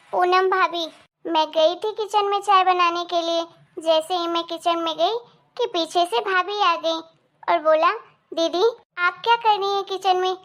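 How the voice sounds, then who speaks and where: Woman doing a chatty young sister-in-law, cheerful, very high voice, animated storybook.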